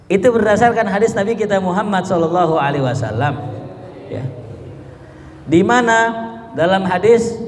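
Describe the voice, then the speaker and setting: A man giving a chatty, humorous religious lecture, slowly chanting Arabic phrases between casual remarks. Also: high voice. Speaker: ustadz, religious teacher. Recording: echoey hall with long reverb.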